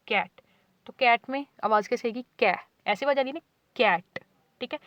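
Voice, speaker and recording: A woman teacher with a somewhat high voice, recorded close and dry with no room sound. She explains patiently, says "okay" again and again, and sounds out each example word slowly for her students. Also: a bit bright, no room sound. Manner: explains patiently, repeats "ठीक है" often, sounds out example words. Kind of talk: whiteboard lecture in Hindi with English terms.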